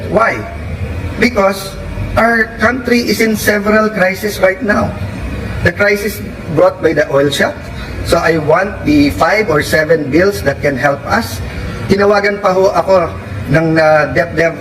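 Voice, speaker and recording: A man's voice: fairly high pitch, fairly bright tone. Filipino man making a formal statement, sounds far away in an echoey room, noisy clip. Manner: earnest, measured, mixing English and Tagalog. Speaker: politician speaking in a hearing. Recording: roomy far-off clip with noise.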